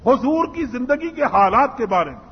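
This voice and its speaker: A man with a very high, husky voice gives an earnest religious lecture, telling a story and voicing its dialogue. The recording is muffled and carries a long echo from a large hall. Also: sing-song. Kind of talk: Islamic lecture.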